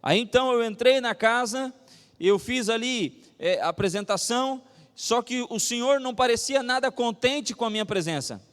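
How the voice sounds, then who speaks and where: A Brazilian pastor with a high male voice and a Brazilian Portuguese accent preaches in a reverberant church hall. His sermon mixes a personal story with Bible reading, and he tells it with animation, acting out dialogue and slowing down for scripture.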